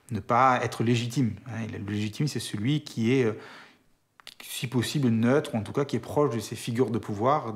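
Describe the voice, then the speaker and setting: A man giving a reflective, somewhat hesitant expert view in an interview. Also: mid-range voice.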